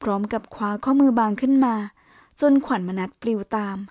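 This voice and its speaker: Romance audiobook narrator, woman, steady unhurried reading, dry close recording. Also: fairly high pitch, no echo. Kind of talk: storytelling narration of a romance novel.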